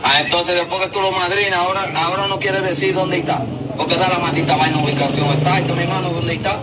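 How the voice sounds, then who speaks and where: Guy on a call, talking fast, pushy, sounds far off and noisy. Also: high-pitched, fairly even intonation. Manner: pressing, demanding. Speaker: caller in recorded phone call. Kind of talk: heated phone argument. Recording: distant noisy phone recording.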